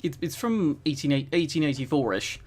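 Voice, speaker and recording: Giggles keep interrupting this streamer's emphatic, amused reading, which is sprinkled with casual asides. A brisk, expressive, mid-range voice with a slightly mellow quality.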